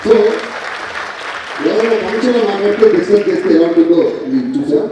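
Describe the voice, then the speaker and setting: A man's voice: sits high, expressive, quick pace, crowd noise, noisy background. Cheeky man bantering on a stage. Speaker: stage comedian and mimicry artist. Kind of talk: live stage comedy skit. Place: large event hall. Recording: echoey hall PA from far off.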